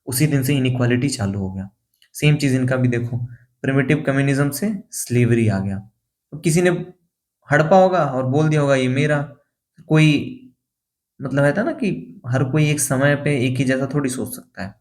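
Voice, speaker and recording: A young male teacher gives an exam-prep lecture in an easy, conversational way. His pitch sits in a middle range, and he keeps pausing to check that his students are following. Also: a little mellow. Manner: casual explaining, mixing Hindi and English terms, checking understanding.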